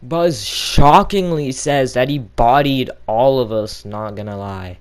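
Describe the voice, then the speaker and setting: A man's voice: medium pitch, slow pace, smooth. A man giving rambling, bemused casual commentary on a chat log, with frequent fillers.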